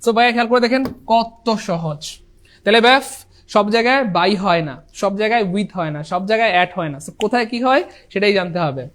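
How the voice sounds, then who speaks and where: A man's voice: high voice, animated, normal speed, fairly bright tone. A tired man teaching an online English exam-prep class, repeating key points emphatically and calling his students brothers and sisters. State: tired after a long class.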